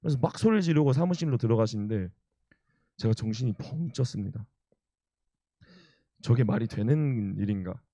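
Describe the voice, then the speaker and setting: A man's voice: medium pitch, animated, normal speed, long pauses, warm tone, no room sound. A young man, an evangelist, preaching a sermon and telling personal stories earnestly. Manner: earnest storytelling, acts out quotes.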